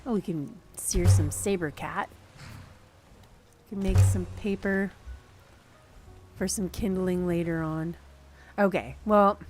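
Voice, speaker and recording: A woman's voice: on the low side, slow pace, long pauses, a little mellow, faint music behind. A woman streamer casually chatting through a game, laughing and thinking aloud to her viewers. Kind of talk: casual gameplay commentary to chat.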